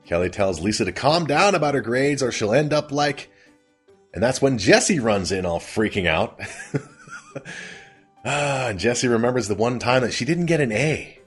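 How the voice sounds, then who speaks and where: A man hosting a casual recap of an old sitcom, chatty and quick to laugh. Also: medium pitch, very animated, husky, faint music behind. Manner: laughs often, chatty and amused. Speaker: podcast host recapping a sitcom.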